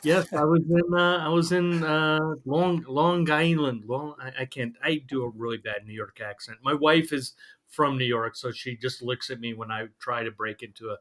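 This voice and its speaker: A man's voice: mid-range voice, steady tone, fairly bright tone. A man hosting a podcast interview, talking casually with frequent restarts and fillers. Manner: halting, many restarts and fillers. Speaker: podcast host.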